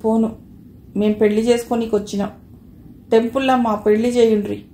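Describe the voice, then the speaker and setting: A man's voice: extremely high pitch, flat delivery, brisk, mellow. A woman reading the lines of a stubborn young man who speaks sheepishly in Telangana Telugu. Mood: sulky. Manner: mumbling, sheepish. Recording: roomy echo, faint noise.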